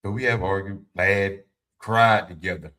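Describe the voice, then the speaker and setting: Man in his fifties, low and forceful, livestream host with a preachy advice style. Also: fairly even intonation, a little slow. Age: 50s. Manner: informal and preachy, repeats his points; speaks to viewers directly, answers chat. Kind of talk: motivational talk to a live audience.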